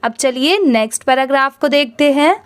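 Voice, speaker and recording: A woman teacher giving a reading lesson. She spells words out letter by letter, reads them slowly, and answers her own questions in quick explaining bursts. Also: high voice, dry recording.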